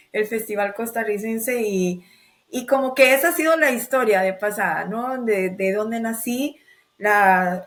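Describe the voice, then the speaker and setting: A woman from Ecuador, a life and business strategist, telling her story as a podcast guest in an expressive way. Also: medium pitch. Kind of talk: podcast interview.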